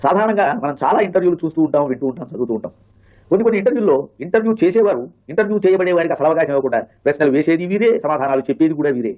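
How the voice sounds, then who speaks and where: A man narrates between comedy sketches, introducing each one. He talks very fast in a slightly raised voice. The recording is dull and lo-fi. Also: a little high, animated.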